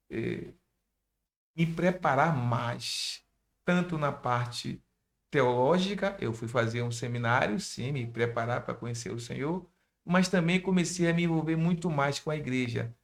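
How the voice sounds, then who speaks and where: A Brazilian man with a Bahian Portuguese accent speaks in a slightly high voice with vocal fry. He's a pastor and missionary giving his testimony in a church interview, and he preaches straight at the young people listening.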